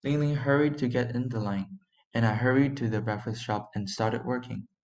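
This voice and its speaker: A teenage boy reads a story aloud in a voice of ordinary pitch. He reads plainly, school-project style. He stumbles now and then and corrects himself. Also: normal speed, a little mellow. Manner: plain reading with occasional stumbles. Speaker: student reader.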